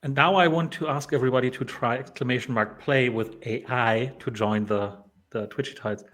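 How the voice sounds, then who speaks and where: A Polish man hosts a developer live stream, chatting casually in a rambling way full of fillers and restarts. His voice is mid-range and a bit bright, at a normal speed.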